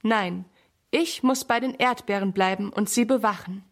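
A woman's voice: mid-range voice, moderate pace, natural voice. Woman putting on Sammy, an eager little boy. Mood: earnest. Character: excited little boy Sammy guarding strawberries.

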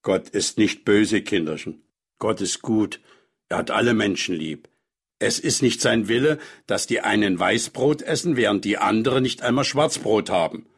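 A man reading aloud, voicing a frail, hoarse old man who keeps coughing and gently lectures children. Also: on the low side. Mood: gentle, earnest. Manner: slow, gentle, preaching to children.

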